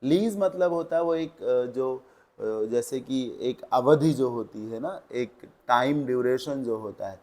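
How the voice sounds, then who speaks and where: A male grammar teacher with an Indian accent walks through an exam-prep lesson at an unhurried, measured pace. He poses questions to the class and answers them himself, and he reads each English example sentence out slowly, one word at a time. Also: mid-range voice, a little mellow.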